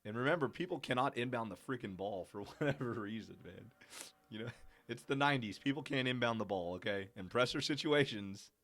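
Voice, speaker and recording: A man hosting a live watch-along podcast, giving chatty, excited commentary and talking to his listeners. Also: mid-range voice, a little fast. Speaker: podcast host.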